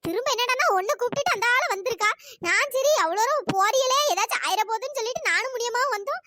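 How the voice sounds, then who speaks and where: A voice actor voicing an exasperated older village sister in a cartoon story, scolding and weary, with a pitch-raised voice. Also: lively intonation, very fast, bright, forceful tone, a little hiss or hum, heavily acted.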